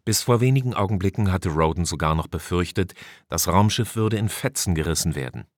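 A man reading a science fiction audiobook in an even, measured storytelling voice. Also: sits low, dry recording, clean studio sound. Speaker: audiobook narrator. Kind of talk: scripted narration.

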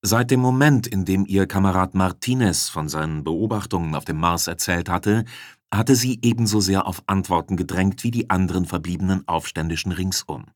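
A male audiobook narrator reading in a measured, dramatic way. His voice sits on the low side. The recording is dry, with no room sound. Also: dry recording.

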